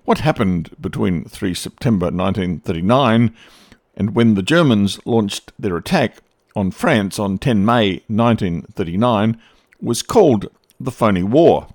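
A man giving scripted history narration with an expressive, storytelling delivery. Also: lowish voice, unhurried, dry recording, studio quality.

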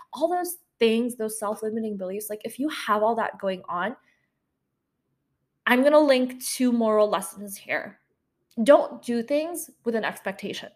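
Effusive young woman podcaster, fairly high voice. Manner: emotional, effusive, swearing casually. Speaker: podcast host. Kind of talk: personal podcast monologue. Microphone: handheld microphone.

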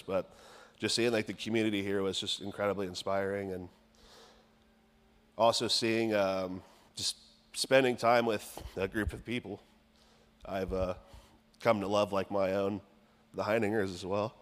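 Deep, flat-voiced young man in a reverberant church. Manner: halting and rambling, full of fillers. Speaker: church member giving a baptism testimony. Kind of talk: personal testimony. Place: church sanctuary.

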